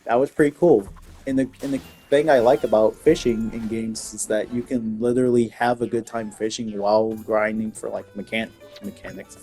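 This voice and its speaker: A man chatting casually about video games, halting and restarting with many fillers. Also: fairly low pitch, steady tone, mellow, faint music behind. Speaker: gaming video creator. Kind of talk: casual rambling commentary.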